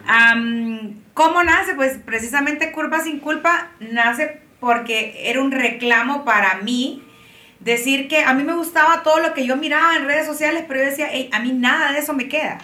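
A woman's voice: high-pitched, normal speed. A woman in her thirties, telling her story as an interview guest, with many fillers. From Honduras. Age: 30s. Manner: warm storytelling, frequent fillers. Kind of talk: casual interview conversation. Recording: echoey room, mic at a distance.

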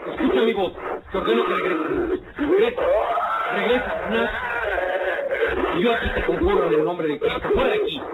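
A pastor urgently repeating commands in an exorcism prayer on an archive radio broadcast. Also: male voice, sits high. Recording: distant, tinny, noisy archive radio audio.

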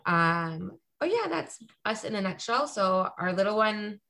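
A woman in her thirties from Toronto, chatting casually as a podcast guest with lots of ums and quick asides. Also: medium pitch, very animated, creaky, sharp tone. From Canada (Toronto). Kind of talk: casual conversation.

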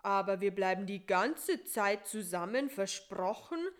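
A woman voicing a sleepy, timid male spider who answers in a slow, know-it-all way. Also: medium pitch, animated, lightly acted.

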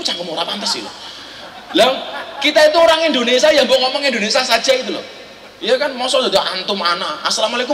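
High bright Javanese-accented joking preacher. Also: male voice. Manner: joking, teasing, rhetorical questions. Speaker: Islamic preacher. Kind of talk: humorous sermon. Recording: echoey hall, faint ambience.

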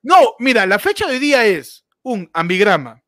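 A man's voice: sits high, sing-song, moderate pace, pushed and bright, no echo, clean studio sound. A young Peruvian man co-hosting a livestream in casual banter, joking with playful wordplay. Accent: Peruvian Spanish. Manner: jokey, playful wordplay, repeats "mano". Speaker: livestream co-host.

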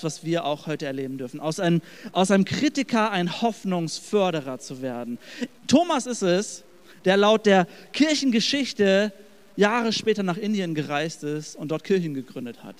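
Man, preacher, high voice, casual sermon, lively asides, church streamed online. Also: normal speed, clean tone. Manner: lively, acts out quotes with asides. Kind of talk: casual youth-style sermon.

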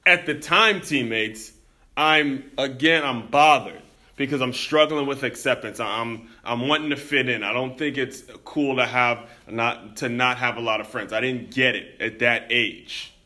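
A man's voice: mid-range voice, unhurried, sharp tone. A young man from the United States hosting a podcast, telling a personal story in an earnest, reflective way and addressing his listeners as teammates. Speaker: podcast host.

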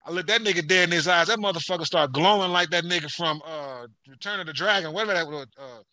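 A man with a high, very bright voice tells childhood stories in a loose, profane chat. He acts out the voices of his mother, his father and himself as a kid. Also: quick pace, no room sound. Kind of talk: casual storytelling chat.

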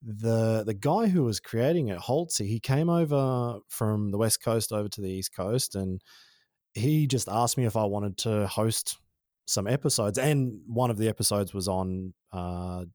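An Australian man, a podcast guest and former freestyle motocross rider, chatting in a relaxed, rambling, slangy way. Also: on the low side, a little slow, no echo, clean studio sound. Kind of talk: casual conversation.

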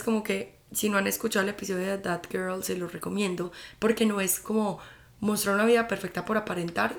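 Gravelly-voiced chatty podcast woman. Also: mid-range voice. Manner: chatty, fillers like "como que" and "o sea". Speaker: podcast host and mentor. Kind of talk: casual solo podcast talk.

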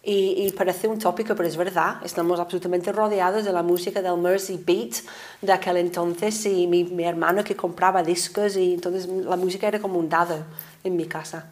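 A woman in her sixties from Liverpool with an English accent, a singing teacher chatting in an interview, animated and laughing often. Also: on the low side, fairly quick. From England, Liverpool. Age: 60s. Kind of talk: casual interview conversation.

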